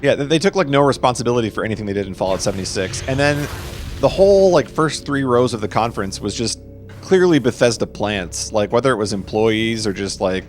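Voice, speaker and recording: A man casually chatting with his viewers and answering their questions while he plays a game on a live stream. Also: on the low side. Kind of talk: live gameplay stream commentary.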